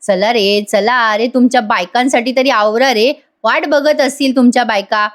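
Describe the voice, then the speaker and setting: A woman's voice: fairly high pitch, normal speed, lightly acted. A woman voicing a fussy mother who scolds and hurries her grown sons along. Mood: scolding. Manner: scolding, hurrying everyone along.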